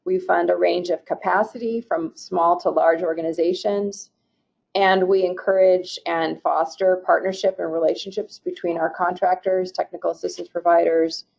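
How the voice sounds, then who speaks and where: A woman from a state agency presents webinar slides, reading out program goals in a steady, formal manner with occasional restarts. Her voice is lowish and gravelly, and the webinar audio sounds muffled and dull.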